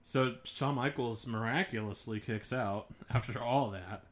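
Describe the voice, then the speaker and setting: A man's voice: mid-range voice, unhurried, a little hiss or hum. Chill guy on a podcast walking through a match move by move. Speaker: podcast co-host. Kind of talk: play-by-play recap of a match.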